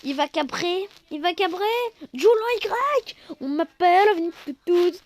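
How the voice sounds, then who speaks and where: A woman hosting a card-collecting channel, reviewing a new set in casual commentary, exclamatory, playful and self-mocking, sometimes loud and then dropping to soft asides. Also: extremely high pitch, expressive, measured pace.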